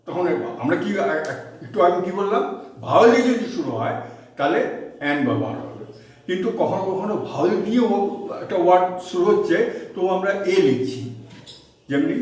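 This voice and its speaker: A man's voice: on the high side, far from the mic. A man with a Bengali accent teaching an online English grammar lesson in Bengali, explaining patiently, repeating examples and asking the class questions. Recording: echoey room, voice from off-mic.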